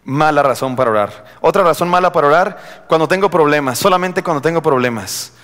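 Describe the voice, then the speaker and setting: Male preacher, animated sermon delivery with mock prayer voices, reverberant church hall. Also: on the high side, brisk. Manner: animated, acts out quoted prayers in mocking tones.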